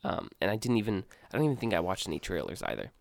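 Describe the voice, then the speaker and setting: A man's voice: low-pitched, huge pitch swings, rapid-fire, gravelly, dry recording. A young man co-hosting a podcast, chatting loosely, calling his co-host dude and often restarting his sentences. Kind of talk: casual chat.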